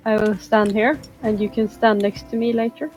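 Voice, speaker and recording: A woman's voice: mid-range voice, steady tone, normal speed, darkish tone, faint music behind, low-quality recording. A woman playing a tabletop game, chatty and thinking aloud about her moves. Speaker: player. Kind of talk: casual tabletop game chat.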